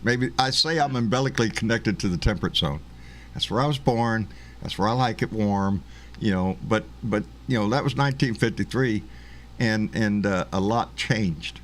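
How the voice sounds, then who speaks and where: A man's voice: fairly low pitch, moderate pace. A man in his late sixties chatting casually, folksy and agreeable, with chuckling asides. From born in Cuba, raised in the United States. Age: 60s. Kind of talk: casual political chat.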